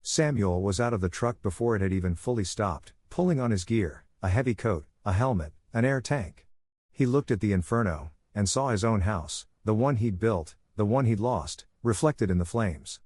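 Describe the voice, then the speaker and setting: Low-voiced man narrating a story. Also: animated, normal speed, a little mellow, no echo, clean studio sound.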